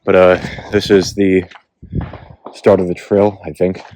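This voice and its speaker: Out-of-breath man with a very deep voice, rambling on a hike. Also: flat delivery, a little slow, warm tone. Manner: rambling, laid-back, lots of filler words. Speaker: vlogger. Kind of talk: casual vlog talk while hiking. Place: outdoors on a hiking trail. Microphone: self-filming camera. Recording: noisy outdoor recording, gunfire. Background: distant gunfire from a shooting range.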